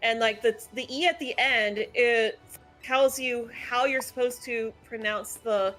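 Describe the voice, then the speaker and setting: Bright, opinionated woman chatting about games. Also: a little high, a little slow. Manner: opinionated, analytical, lots of "like" fillers. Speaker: channel host. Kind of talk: casual gaming chat. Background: faint background music.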